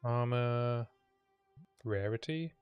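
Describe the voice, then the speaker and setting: A man streaming a video game, thinking out loud to himself in casual commentary as he plays. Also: medium pitch, very slow, clear, resonant tone, dull audio, soft background music. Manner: musing aloud to himself while playing.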